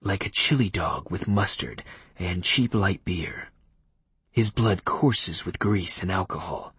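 A stuffy old vampire attorney with a low, husky murmur, as an audiobook narrator puts him on. His diction is archaic and clipped, and he keeps his words quiet and close to a whisper. The storybook reading is dry and close to the mic. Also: takes it slowly, no echo, heavily acted. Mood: stuffy, formal. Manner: quiet, half-whispered delivery. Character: formal old male vampire lawyer, stuffy and aloof.

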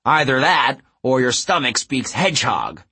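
A man voicing a gruff, boastful male satyr coach in an audiobook, with a husky, blustery delivery. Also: medium pitch, very animated, bright, forceful tone, heavily acted. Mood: brash. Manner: blustery, boastful, talks fast in bursts. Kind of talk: audiobook character voice.

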